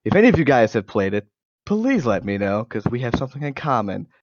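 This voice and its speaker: A very animated man from the United States, in his twenties with an American accent, chats casually as a gaming podcast co-host. His medium-pitched voice runs a little fast, with an occasional stutter. The cheap gaming microphone gives a dry, dull recording.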